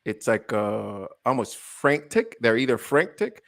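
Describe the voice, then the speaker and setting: A man's voice: medium pitch, a little slow, gravelly. A man in his late twenties co-hosting a podcast with a mid-range voice. He talks in a loose, joking way, tripping over his words and laughing as he goes. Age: late 20s. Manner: animated and joking, stammers and restarts, laughs often. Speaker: podcast co-host. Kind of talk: casual chat.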